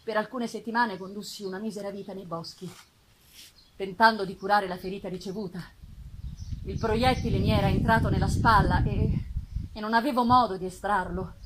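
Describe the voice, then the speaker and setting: A woman giving a theatrical, intense literary reading as a lonely, embittered male monster, with deliberate pauses and swells. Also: mid-range voice, fairly even intonation, voice pushed down, natural voice. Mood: anguished, desolate. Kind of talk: dramatic literary reading of a gothic novel. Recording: live festival reading with clear noise.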